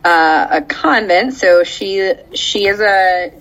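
A woman's voice: mid-range voice, slow, fairly bright tone. A woman co-hosting a podcast, explaining a show at length with many ums and frequent laughs. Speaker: podcast co-host. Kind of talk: casual chat, recapping a show. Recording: dull lo-fi audio.

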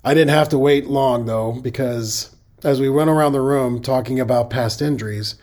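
A man's voice: mid-range voice, moderate pace, darkish tone. A middle-aged man with a Midwestern accent, hosting a safety podcast in a folksy, conversational monologue that now and then corrects itself.

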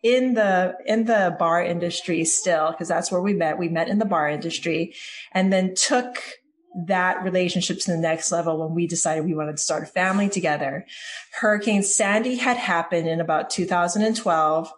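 A woman in her forties from Hawaii, a guest on a podcast, telling her story at length. She talks warmly and loosely, with fillers and restarts. Her voice sits a little low for a woman. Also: moderate pace. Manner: warm, storytelling, with fillers and self-corrections. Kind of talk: interview answers.

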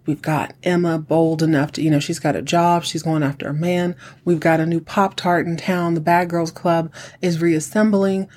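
A middle-aged podcast host with a husky voice, chatting solo in a campy, sassy drag-queen manner, sounding like a woman. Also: medium pitch, a little mellow. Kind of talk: chatty solo recap commentary.

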